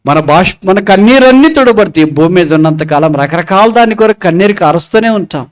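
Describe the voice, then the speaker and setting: A man preaching a sermon with a Telugu accent. He asks the crowd questions and swings between loud, emphatic lines and hushed ones. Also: high voice, lively intonation, brisk.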